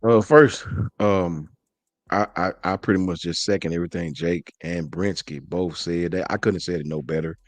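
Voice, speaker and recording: Speaking at normal speed, a very low-voiced man chats casually as a guest on a live stream, slangy and relaxed. He rambles, trips over words, and repeats himself a lot, and the audio is close and dry without any room sound.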